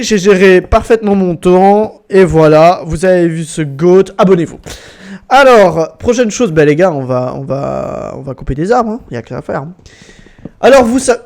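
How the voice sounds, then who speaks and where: Here's a high-voiced gamer guy doing laid-back gameplay commentary for his YouTube channel over a desk mic. Full of energy and jokes, he curses a lot and puts on a French accent to mock English phrases.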